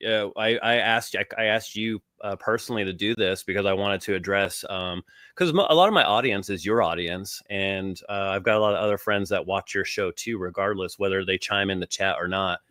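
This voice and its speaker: A man in his forties, a guest on a casual livestream chat, talking in halting, easygoing sentences full of fillers and "man". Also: deep voice, sharp tone, no room sound, studio quality. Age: 40s. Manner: halting, many fillers, says "man" often.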